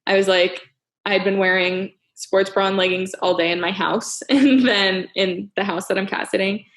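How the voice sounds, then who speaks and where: A young woman hosts a casual podcast chat, rambling with plenty of fillers and frequent laughs. Her mid-range voice has a fairly bright tone, fairly even intonation and a moderate pace.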